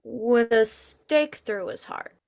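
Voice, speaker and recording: A woman's voice: a little high, slow pace, creaky, darkish tone. A woman reading the part of a skeptical, level-headed female FBI agent. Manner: skeptical, questioning. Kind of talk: dramatic script reading.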